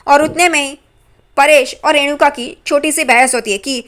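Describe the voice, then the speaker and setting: A woman's voice: sits high, fairly even intonation, normal speed, a bit bright. A woman casually retelling a TV serial episode in a chatty way, adding teasing side comments about the characters. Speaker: TV serial recap narrator. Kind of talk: casual episode recap narration.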